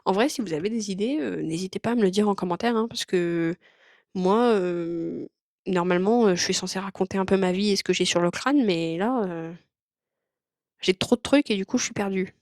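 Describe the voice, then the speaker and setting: Young woman, vlogger, casual rambling chat, many fillers, middle pitch, dry close sound. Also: normal speed, a little mellow, no echo. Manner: chatty, rambling, frequent fillers, slangy.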